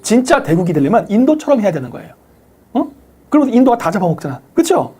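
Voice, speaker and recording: A woman hosting a live stream, giving sharp political commentary, sarcastic and combative, firing rhetorical questions and thanking viewers by name. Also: medium pitch, big pitch swings, quick pace, husky. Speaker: livestream host thanking viewers for donations.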